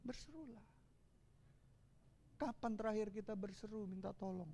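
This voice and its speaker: A man with a Palembang accent preaching a sermon as pastor, animated and calling out to the congregation. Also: sits high, normal speed, a little hiss or hum.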